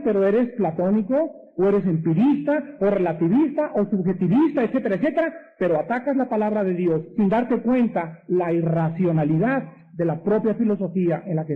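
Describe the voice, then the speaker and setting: A man preaching a radio sermon, emphatic and full of rhetorical questions. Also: sits high. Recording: tinny radio broadcast.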